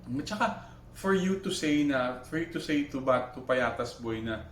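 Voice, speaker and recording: A man's voice: medium pitch, animated, measured pace. Man, Filipino accent, argumentative vlog reaction, rhetorical questions, echoey room, faint hum. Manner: argumentative, Taglish, rhetorical questions, many restarts. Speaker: vlogger reacting to another creator. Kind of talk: heated reaction commentary.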